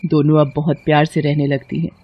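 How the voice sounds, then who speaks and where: A woman narrating an animated moral story in a steady, plain storytelling manner. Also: sits low, brisk, no echo, dull audio.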